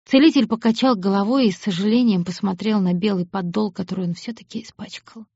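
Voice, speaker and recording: A woman reading scripted audiobook narration in a measured, expressive way. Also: medium pitch, husky, no room sound. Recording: dull lo-fi audiobook recording.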